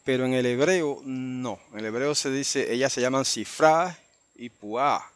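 A man teaching through a Bible passage verse by verse, slow and explanatory, often checking in with tag questions. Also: mid-range voice, fairly even intonation, smooth, no room sound.

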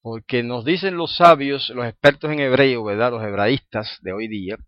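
A man's voice: medium pitch, normal speed, dry recording. Man teaching at length, with a dull sound. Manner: rambling, repeats words while searching for them. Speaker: Hebrew teacher. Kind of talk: religious teaching talk. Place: home library.

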